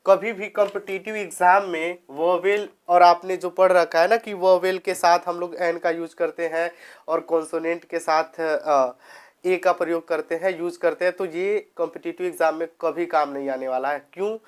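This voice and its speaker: A male tutor giving an exam-prep grammar lesson. He keeps asking his listeners questions and then answering them himself. When he reads an example sentence aloud, he slows right down and says each word with care. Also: high-pitched, fairly even intonation, smooth. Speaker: teacher.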